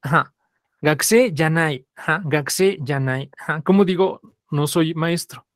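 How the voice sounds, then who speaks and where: A man's voice: a little high, a little slow, no echo, studio quality. A man teaching a live language class, repeating students' answers and saying "ajá" constantly.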